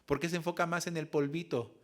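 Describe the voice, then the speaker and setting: A male pastor delivers a sermon in a fairly high voice. He is earnest and personal. He sinks to quiet reflection and then presses points with a lifted voice. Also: fairly even intonation, quick pace. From Mexico. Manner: earnest storytelling, swings from soft reflection to raised emphasis. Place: church service.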